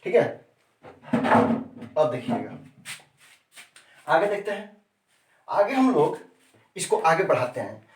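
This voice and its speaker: A man's voice: fairly high pitch, very animated, takes it slowly, pauses often. A male chemistry teacher giving a classroom lesson who repeats key terms and keeps quizzing his students with questions. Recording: echoey room, mic set far off.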